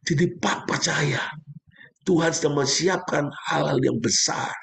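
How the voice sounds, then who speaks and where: A man's voice: measured pace, gravelly, a bit bright. A male pastor preaching a sermon, speaking straight to his congregation with emphatic, leaping exclamations. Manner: emphatic preaching with sudden pitch leaps; addresses congregation directly.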